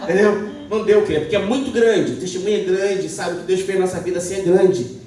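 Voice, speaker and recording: A man's voice: sits high, fairly even intonation, fast, crowd noise. A man preaching casually at a couples' church service, speaking to listeners in an informal, friendly way. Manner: warm, informal asides, addresses listeners as "querido". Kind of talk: conversational preaching. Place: church hall. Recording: very echoey hall, distant mic.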